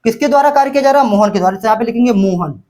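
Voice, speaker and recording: A man's voice: very high-pitched, racing, darkish tone. A man teaching a grammar lesson, who keeps asking questions and answering them himself and repeats key words. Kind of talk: classroom-style grammar lesson.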